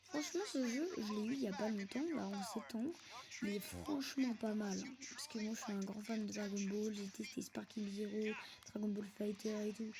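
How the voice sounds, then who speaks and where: A woman's voice: mid-range voice, moderate pace. Chatty young woman gaming, noisy phone audio. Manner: chatty, bursts into excited yelps while playing. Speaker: gamer. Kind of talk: casual gameplay commentary.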